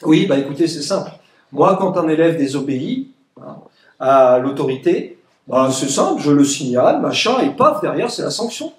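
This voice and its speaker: Very animated and at a moderate pace, a high-leaning male voice carries an Egyptian speaker's political address to a public meeting. He is emphatic and sarcastic, deriding his opponents with mock-voiced quotes, and the meeting room echoes.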